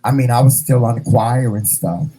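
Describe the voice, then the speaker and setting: Husky, mellow-voiced man in his fifties. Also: medium pitch, normal speed, rough recording. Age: 50s. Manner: animated and playful, sprinkling in "child" and "honey". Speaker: host. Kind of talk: casual interview chat.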